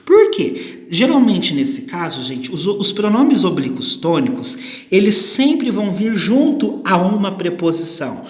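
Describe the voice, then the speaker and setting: Slow, patient male teacher in echoey room. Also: high voice, big pitch swings. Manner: patient, checks in constantly with questions to the class. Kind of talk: recorded grammar lesson. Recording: echoey room with long reverb.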